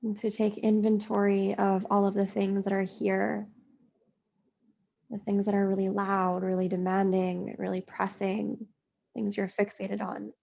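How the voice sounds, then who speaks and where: Woman yoga instructor, gravelly and mellow, slow and soothing, steady, even delivery. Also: medium pitch, dull audio. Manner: slow, soothing, drawn-out phrasing with long pauses. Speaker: yoga teacher. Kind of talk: slow guided yoga meditation.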